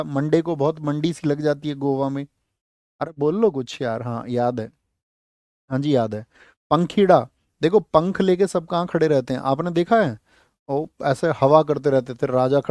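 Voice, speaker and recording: A man's voice: on the high side, warm tone, no echo, clean studio sound. A man teaching an exam-prep lecture who quizzes his students, answers his own questions and repeats key words so they stick.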